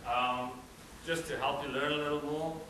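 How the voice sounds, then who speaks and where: A South African student, a man whose native language is Afrikaans, gives a slideshow presentation at a cultural event in a hall, recorded from a distance with roomy acoustics and slight background noise. His voice is on the high side at a moderate pace, relaxed but hesitant with frequent "uh" fillers.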